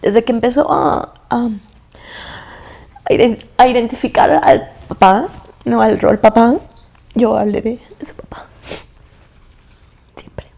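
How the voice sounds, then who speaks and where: A Mexican woman, a guest actress, telling a personal story softly and haltingly, her voice often sinking toward a whisper. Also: a little high, creaky.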